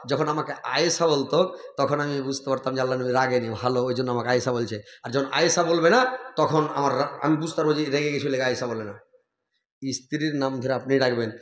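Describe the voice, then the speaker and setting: A middle-aged man preaching a lively sermon at a religious gathering, joking and acting out little dialogues in homely speech. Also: mid-range voice, reverberant. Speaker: Islamic preacher.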